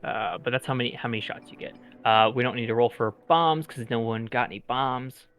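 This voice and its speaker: A man acting as game master, explaining rules in a relaxed, rambling way and laughing often. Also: medium pitch, a little fast. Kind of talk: running a tabletop game.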